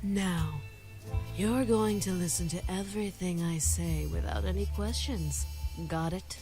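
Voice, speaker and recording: A woman's voice: fairly low pitch, measured pace, dark tone, soft background music. A woman voicing a haughty, menacing female demon who talks down with a purring, mocking manner, in a game. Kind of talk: visual novel voice acting.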